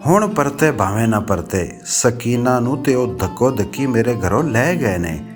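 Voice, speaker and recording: A man reading a novel aloud, voicing a young villager just out of jail who speaks slowly in a trembling, angry voice. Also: medium pitch, animated, faint music behind, close to an everyday voice. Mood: shaken. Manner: trembling, slow. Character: young villager freed on bail, angry and shaken.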